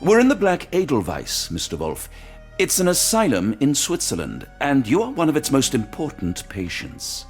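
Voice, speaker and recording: A weary, earnest English doctor from a detective game. His delivery is polite and wry, with lively swings in a mid-pitched voice, recorded over faint music. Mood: gentle, coaxing. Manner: polite, measured, dryly wry. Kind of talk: video game voice acting.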